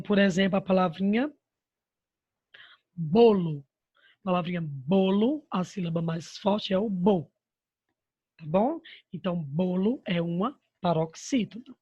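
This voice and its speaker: Patient Brazilian schoolteacher, husky voice. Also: female voice, medium pitch, a little slow, darkish tone, no room sound, muffled recording. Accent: Brazilian Portuguese. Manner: patient, addresses pupils with diminutives and "my love"; answers her own rhetorical questions. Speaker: primary school teacher. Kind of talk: remote lesson over slides.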